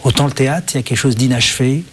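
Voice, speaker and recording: A man from France, a guest author in a television interview, who speaks haltingly with many restarts and fillers. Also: medium pitch, a little hiss or hum.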